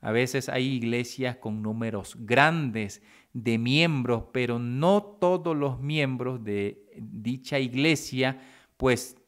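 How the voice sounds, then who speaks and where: A man preaching as a pastor, teaching a lesson on leadership, reading quotations slowly and rising emphatically on key words. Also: mid-range voice. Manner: slow, deliberate delivery, reading quotations aloud.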